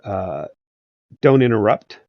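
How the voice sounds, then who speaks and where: Taking it slowly, a man with a lowish voice and lively intonation rambles through casual advice as a tabletop game master and video host, full of hesitations and restarts. There's no echo, though the lo-fi audio is dull and carries faint background music.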